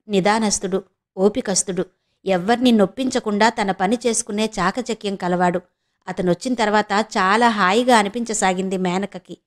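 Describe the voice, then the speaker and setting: A woman from Andhra Pradesh narrating a serialized novel as an audiobook, reading steadily. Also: medium pitch. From Andhra Pradesh, India.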